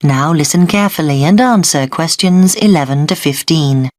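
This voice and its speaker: Lowish-voiced woman exam announcer. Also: darkish tone, dry recording, clean studio sound. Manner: measured, instructional. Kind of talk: formal scripted test instructions.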